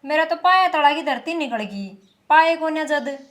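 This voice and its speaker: A woman's voice: high voice, expressive, moderate pace, fairly bright tone. A woman playing a scheming Haryanvi village daughter-in-law.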